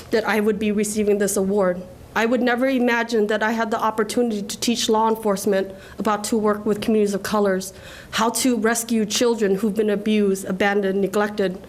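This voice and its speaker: In a government ceremony room, a Laotian woman in her forties stands at a podium to accept an award, her medium-pitched voice captured on poor audio. Her speech is earnest and emotional, turning tearful at times.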